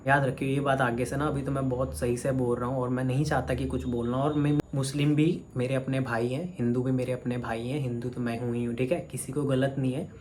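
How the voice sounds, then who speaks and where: A man's voice: mid-range voice, little pitch movement, brisk, hardly any pauses, darkish tone, a little hiss or hum. A man vlogger delivering a heated direct-to-camera rant, scolding a commenter, in speech.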